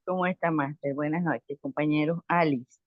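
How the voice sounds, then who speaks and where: A man's voice: fairly high pitch, steady tone, normal speed, no room sound. Earnest man on dull, dry call audio. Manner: polite, earnest. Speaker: course participant. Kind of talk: answering in an online class.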